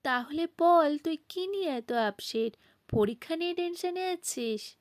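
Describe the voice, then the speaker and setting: A woman's voice: sits high, expressive, measured pace. A woman reading as a stern hot-tempered young man. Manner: stern, commanding.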